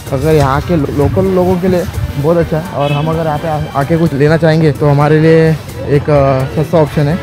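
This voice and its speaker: A young man from India walking a busy market, chatting to viewers and pointing things out, filmed on a handheld camera. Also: fairly high pitch. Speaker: travel vlogger. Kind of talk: walking-tour vlog. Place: busy outdoor and covered market. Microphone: handheld camera at arm's length.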